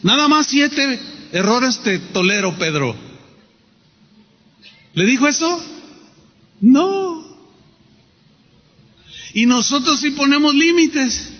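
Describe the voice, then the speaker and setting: A man's voice: very high voice, animated, slow, long pauses, in a large hall, muffled recording. A man preaching a sermon, animatedly acting out the voices in a parable. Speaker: pastor.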